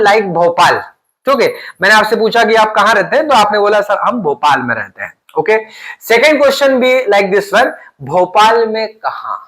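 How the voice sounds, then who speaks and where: A man's voice: high-pitched, a bit bright, rough recording. A man with an Indian accent teaching a physics lesson online, who voices his students' questions and then answers them himself. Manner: mixes Hindi and English. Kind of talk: online lecture.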